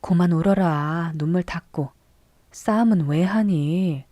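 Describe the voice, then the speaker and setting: A woman reading the part of a kind young lady of a wealthy house who speaks softly and slowly to comfort a child. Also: lowish voice, no room sound, lightly acted. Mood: tender. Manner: soft, slow and comforting.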